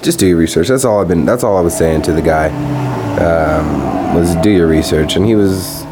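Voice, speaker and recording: A young man talking casually and profanely on his podcast while high, rambling from one thought to the next. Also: moderate pace, heavy background noise. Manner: rambling, profane, laid-back. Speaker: podcast host. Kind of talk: casual stoned podcast monologue. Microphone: podcast microphone.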